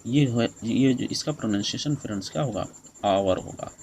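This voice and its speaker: A young man teaching an English grammar lesson in Hindi, who calls his viewers "friends" again and again and reads the English rules out slowly. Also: medium pitch, gravelly, a little mellow, slight background noise, rough recording. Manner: repeats "friends" often, explains slowly.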